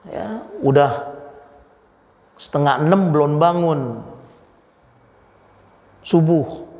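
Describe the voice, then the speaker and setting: A man teaches a religious lesson in a mosque, his voice pitched fairly high with a gravelly, creaky edge. He talks conversationally, punctuating his points with frequent "ya" fillers. The sound rings with the long echo of a large mosque hall. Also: very slow, a little mellow. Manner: conversational, frequent "ya" fillers, acts out quoted dialogue.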